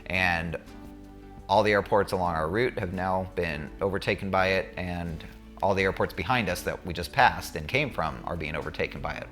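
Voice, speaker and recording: Deep-voiced man telling a casual story. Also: normal speed, a bit bright, faint music behind. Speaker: student pilot recounting a checkride.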